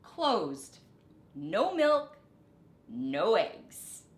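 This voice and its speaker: In a picture-book read-aloud, a woman voices polite but firm cows writing demands, using a lilting pitch with big swings and a curt mood. She reads deliberately, as if reciting a formal letter, and the recording has roomy echo and background noise.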